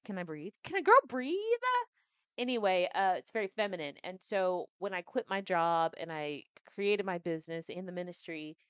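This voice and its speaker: Low, smooth-voiced woman reading aloud. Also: dry recording, lo-fi sound. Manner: chatty, animated asides between reading. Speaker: podcast host reading and commenting. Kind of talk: book reading with casual commentary.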